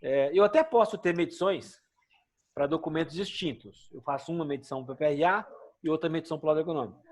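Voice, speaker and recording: A man's voice: fairly high pitch, fast talker. A male teacher giving a conversational classroom lecture with a Brazilian Portuguese accent, often asking his students questions.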